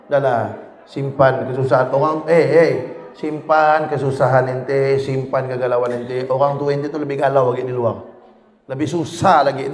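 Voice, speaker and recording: A man's voice: medium pitch, darkish tone. A man giving a humorous religious lesson, who acts out little scenes in quoted voices, recorded in a lecture hall. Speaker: religious teacher. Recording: echoey hall with faint noise.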